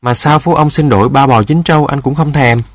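A man's voice: medium pitch, a little fast, no room sound, voice pushed up, lightly acted. A man voicing a curious, naive little boy in a storybook, asking eager questions.

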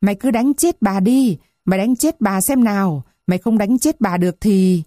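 A woman voicing a fiery peasant wife who scolds and wails loudly at her household. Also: fairly low pitch, animated, unhurried, dry recording, studio quality. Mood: wailing. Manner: scolding, wailing at full voice. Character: fiery peasant wife, shrill when angry.

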